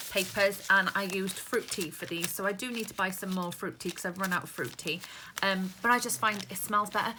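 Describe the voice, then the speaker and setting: This Welsh craft vlogger talks through a tutorial in a casual, rambling way while handling papers at her desk. Her mid-range voice is bright and forceful on a rough recording, and paper crinkling and rustling can be heard up close.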